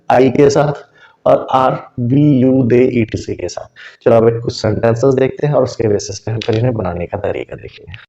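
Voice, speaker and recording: A man teaches grammar patiently, walking through one example after another and answering his own questions. His voice is dark and mellow. The recording is dull and lo-fi. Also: medium pitch. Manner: patient, explains step by step with examples; asks questions and answers them himself. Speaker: English teacher. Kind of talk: spoken English lesson explained in Hindi.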